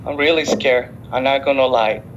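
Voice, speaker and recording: A man from Honduras, held in detention, talks hesitantly and fearfully with his lawyer. His voice stays flat, and the sound is dull and lo-fi with a faint hiss behind it. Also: medium pitch, normal speed. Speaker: client in detention.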